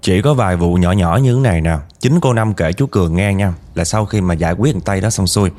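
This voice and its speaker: Man, lowish mellow voice, casual storyteller, gets animated quoting people. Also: fast talker. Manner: animated, rises in pitch when quoting angry speech.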